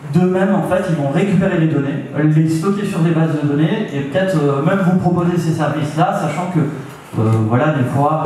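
A man's voice: fairly high pitch, dark tone. A young man giving a talk at a meetup into a handheld microphone, hesitant with many fillers and restarts. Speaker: meetup speaker. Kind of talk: presentation talk. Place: meeting room with audience. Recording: echoey room, from far off.

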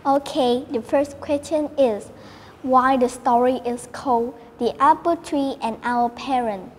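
A woman co-hosts a storytelling show in a cheerful, scripted way. Her high voice carries a long echo, with faint noise in the background. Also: measured pace. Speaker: co-host.

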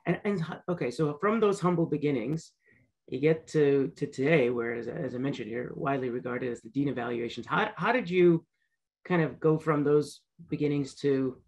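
A man's voice: on the high side, normal speed, darkish tone, rough recording. A young man hosting an interview over a video call from a home library, giving a formal introduction and asking questions, sometimes restarting them. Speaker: host. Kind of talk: interview host.

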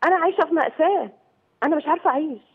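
A woman's voice: sits high, racing. Distressed Egyptian woman on a phone line. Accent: Egyptian Arabic. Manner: distressed, pleading. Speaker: caller.

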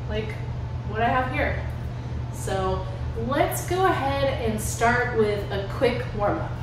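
A woman trainer leads a home workout, cheering the viewer on as she moves through each exercise. She speaks slowly in a slightly high voice. She stands well away from the camera in a small, very echoey room. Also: noisy background. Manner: encouraging, coaching while moving. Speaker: fitness trainer. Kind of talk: workout instruction. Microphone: camera at a distance. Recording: very echoey room, far from mic.

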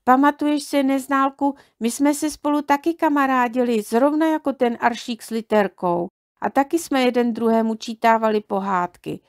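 Woman reads a gentle polite little girl, high voice, storybook. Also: no echo, studio quality, natural voice. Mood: wistful. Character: small tender-hearted girl shorty.

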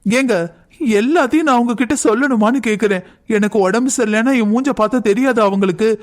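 A man voicing a resentful young daughter-in-law in a cartoon, complaining and quick to take offence. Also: very high-pitched. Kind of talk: cartoon voice acting.

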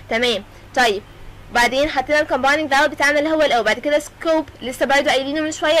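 A woman's voice: sits high, a bit bright. A young woman with an Egyptian Arabic accent giving a medical terminology lecture, mixing in English terms and often checking that students follow. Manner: keeps checking understanding with a quick "تمام؟".

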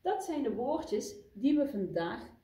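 A woman's voice: a little high, very animated, slow, warm tone. A woman teaching a vocabulary lesson to young pupils, patient and explaining, recorded in a classroom. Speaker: primary school teacher. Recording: echoey classroom from far off.

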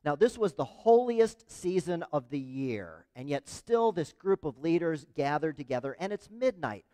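A man with a fairly high voice preaches in a church, telling a story and pausing to question his listeners. His voice is close and dry on the mic, yet a long hall reverb trails behind each phrase. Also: big pitch swings, warm tone. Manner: storytelling, asks the congregation questions. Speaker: pastor. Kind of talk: sermon. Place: church sanctuary.

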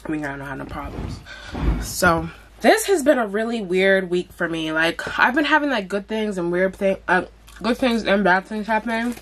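Young woman, mukbang vlogger, casual chat while eating, slangy, blunt, mid pitch. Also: expressive, normal speed. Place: at home.

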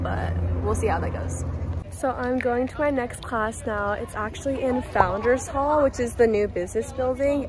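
A young woman with a bubbly, girly manner, narrating a casual vlog to camera on a handheld phone. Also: fairly high pitch. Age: young adult. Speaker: college student vlogger, sorority rush chair. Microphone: phone or camera at arm's length. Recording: noisy handheld vlog, room and street ambience.

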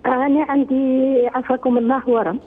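A woman caller asks her question haltingly and repeats herself, heard over a choppy, low-quality phone line that breaks up. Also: flat delivery. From Libya. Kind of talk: call-in question to a radio show. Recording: tinny, breaking-up phone line with faint hiss.

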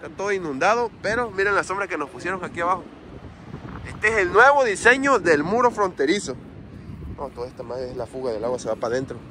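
A man's voice: high-pitched, quick pace, bright, forceful tone, low-quality recording. A young man with a Mexican accent, casually vlogging outdoors by the sea, slangy and joking as he walks along a border wall. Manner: slangy, joking, talks to viewers while walking. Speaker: vlogger host. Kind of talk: casual on-location vlog. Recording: windy outdoor recording with crashing waves. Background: wind and surf.

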